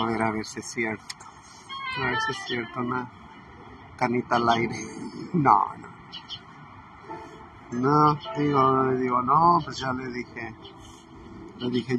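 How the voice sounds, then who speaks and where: Comic character piece: man playing a crude, chatty Mexican woman, mid-pitched, recorded far from the mic over a noisy background. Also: lightly acted. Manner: rambling, chatty, swears, trails off mid-sentence. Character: brash gossipy woman, rambling and crude. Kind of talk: comedic character monologue. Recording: distant mic with noisy ambience.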